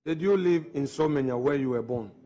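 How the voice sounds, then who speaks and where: A man on a parliamentary committee questioning a ministerial nominee, slow and deliberate, pressing each point with formal questions. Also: medium pitch, dark tone.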